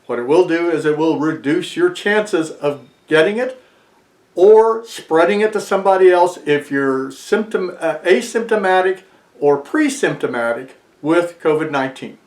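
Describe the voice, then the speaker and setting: Man in his sixties, American accent, speaking through a face mask, slightly high voice, casual explaining, echoey room. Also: lively intonation, moderate pace. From lives in Texas, United States. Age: 60s. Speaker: video presenter. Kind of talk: casual explanatory talk to camera. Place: small furnished room indoors, seated in armchair.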